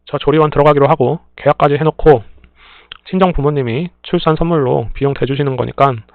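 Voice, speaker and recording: A man reading listener stories aloud in a plain, steady way, adding brief dry remarks between them. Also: a little high, a little fast, no echo. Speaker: story reader and channel host. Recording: tinny phone-like dry sound.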